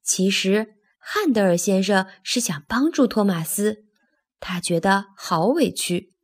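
A woman narrating a children's story in a lively, expressive way, speaking to young listeners. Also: medium pitch, takes it slowly, husky.

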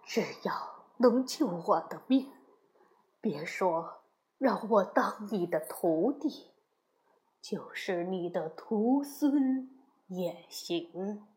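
Timid frightened monk for a storybook, played by a woman; soft and shaky. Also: lively intonation, extremely slow, long pauses. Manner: soft, low and trembling. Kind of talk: children's storybook voice acting.

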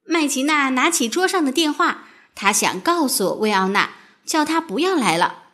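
A woman narrating a children's story with an expressive, sing-song storybook delivery. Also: sits high, normal speed.

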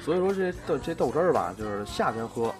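Quick man with a Beijing accent. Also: mid-range voice, very animated. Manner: colloquial explaining with erhua endings. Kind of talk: casual panel chat. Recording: music playing behind the voice. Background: music.

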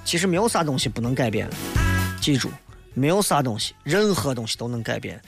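A man's voice: medium pitch, big pitch swings, a little fast, vocal fry, over music. A man with a Shaanxi accent hosting a casual late-night radio show, talking in a blunt, colloquial, philosophizing way as he chats with listeners. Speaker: radio host.

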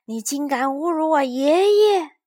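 A woman voicing a pompous, indignant gentleman in a storybook reading, blustering and shouting. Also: on the high side, lively intonation, measured pace.

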